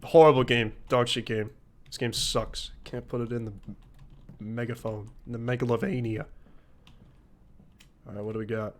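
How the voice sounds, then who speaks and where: A young man streaming a game, joking around in casual commentary with sudden loud outbursts. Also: medium pitch, flat delivery, normal speed, long pauses.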